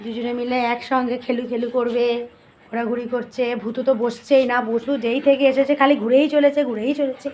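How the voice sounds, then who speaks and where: A woman's voice: on the high side, little pitch movement, moderate pace, a little mellow, slight background noise. A young woman narrating a home video of her dogs, slipping into fond baby-talk. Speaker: vlogger filming her dogs. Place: at home indoors.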